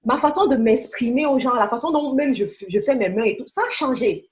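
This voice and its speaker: A woman's voice: fairly high pitch, lively intonation, a little fast, poor audio. A woman giving a motivational sales training talk, earnest and emphatic, repeating key phrases and weaving faith into business advice.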